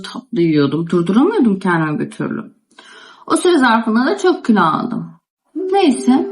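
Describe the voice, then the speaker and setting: Young woman home vlogger, chatty and indignant, mid-pitched voice. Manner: animated, indignant retelling with many quoted asides. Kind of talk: casual storytelling chat to camera.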